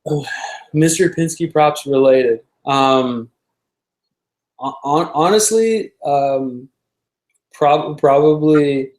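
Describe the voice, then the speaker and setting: A man's voice: on the high side, slow, pauses often, a little mellow, echoey room, low-quality recording. A man guesting on an interview, chatting casually about his prop making, rambling with lots of fillers and restarts.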